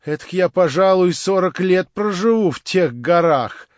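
A man's voice: lively intonation, unhurried, dry recording. A man voicing a half-mad lame woman who mocks and shrieks, in a dull, dry recording. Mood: mocking. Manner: shrill, scornful, laughing outbursts.

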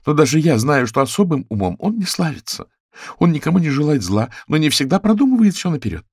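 A man voicing a talkative, rambling female raccoon in an audiobook, pitched well above his own voice. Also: very animated, fast, darkish tone, slightly rough, no room sound, studio quality, exaggerated voice. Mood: chatty, pleading. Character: chatty female raccoon, a thief's girlfriend.

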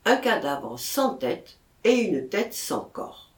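A woman narrates a classic tale aloud, slow and measured, with a lively, rising and falling pitch. Her voice echoes in the room around her. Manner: measured, expressive. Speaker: audiobook reader. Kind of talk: literary narration.

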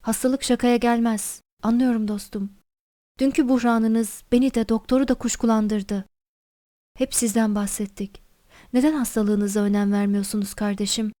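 A woman's voice: a little high, fairly even intonation, moderate pace, dark tone, dry recording, studio quality, lightly acted. A woman voicing a jovial, talkative older male postmaster who speaks in a hearty, coaxing, familiar way.

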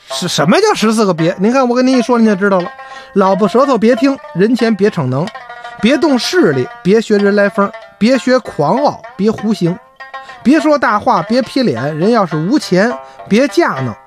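Animated Beijing storyteller man. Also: high voice, normal speed, faint music behind. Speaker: host and storyteller. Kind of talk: traditional storytelling on radio.

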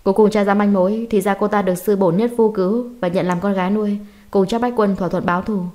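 A woman voicing a subordinate who gives a quick, factual report. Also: mid-range voice, steady tone, dark tone, close to an everyday voice. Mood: matter-of-fact. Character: subordinate giving a brisk report.

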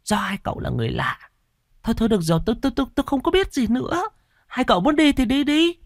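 Man doing a fretful innkeeper lady, high voice, stammering, hurried, storybook ghost tale. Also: very animated, creaky, dry recording, studio quality, heavily acted. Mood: flustered. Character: nervous middle-aged woman innkeeper, fretful.

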